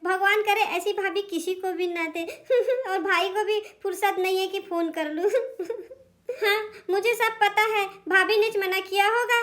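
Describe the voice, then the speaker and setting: A woman's voice: extremely high pitch, steady tone, normal speed, a bit bright. A woman voicing a haughty sister-in-law in a doll drama who complains and then apologizes. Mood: aggrieved.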